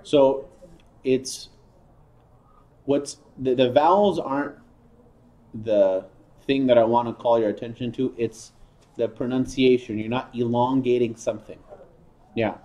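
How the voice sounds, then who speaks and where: Patient male teacher, dark mellow voice. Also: mid-range voice, measured pace, pauses often, highs cut off. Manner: patient, corrects and praises often. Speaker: Arabic teacher. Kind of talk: classroom drilling and explaining.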